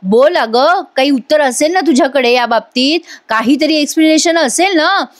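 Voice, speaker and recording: A woman's voice: high voice, expressive, normal speed, pitched above the performer's own voice. A woman quoting an indignant middle-aged mother-in-law who demands answers. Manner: demanding, reproachful.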